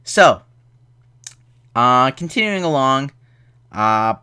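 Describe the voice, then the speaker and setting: A man's voice: medium pitch, big pitch swings, drawn-out words, sharp tone, clean tone. A tired young man casually reviewing a horror movie, rambling and sarcastic, with lots of fillers.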